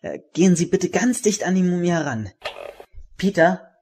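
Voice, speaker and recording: A man's voice: high-pitched, lively intonation, normal speed, a little mellow, slight background noise. An actor playing a clever teenage boy detective in a radio play, talking precisely and eagerly. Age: teen.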